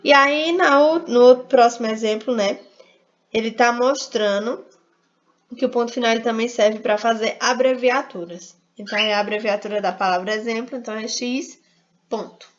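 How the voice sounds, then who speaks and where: A Brazilian woman teaching an online writing lesson, explaining step by step and often checking with "né?". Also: on the high side. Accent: Brazilian Portuguese. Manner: explanatory, frequent "né?" and "e aí" fillers. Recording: dull lo-fi online class audio.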